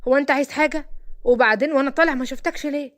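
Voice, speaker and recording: A woman's voice: sits high, racing, a bit bright. An Egyptian woman voicing a secretive wealthy man who speaks firmly and gives warnings. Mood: alarmed. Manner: warning, firm.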